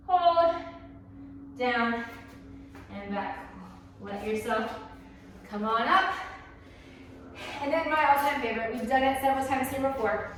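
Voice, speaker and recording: Woman leading a stretch class, kinda breathless, lots of echo, bit of background hum. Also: on the high side. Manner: encouraging, talks while exercising. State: slightly out of breath. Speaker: fitness instructor. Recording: very echoey room, distant mic.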